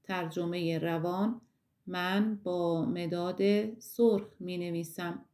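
A woman teacher talks through a recorded lesson in a patient, methodical way. Her voice sits a little low, and she slows right down to spell out each example word before moving on. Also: fairly even intonation, darkish tone. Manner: slow, careful explanation that stretches out example words.

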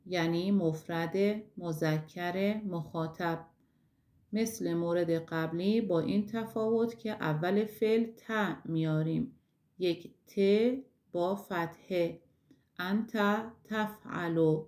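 A woman teacher giving a recorded lesson, explaining step by step and slowly drawing out example words. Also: lowish voice, darkish tone. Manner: slow, careful explanation that stretches out example words.

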